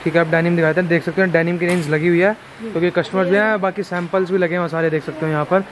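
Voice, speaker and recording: A young man vlogging a tour of a clothing shop, briskly repeating prices back. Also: high voice, steady tone, a little hiss or hum, rough recording. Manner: brisk, keeps repeating prices and "theek hai ji". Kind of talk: casual shop walkthrough vlog. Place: large indoor clothing warehouse shop.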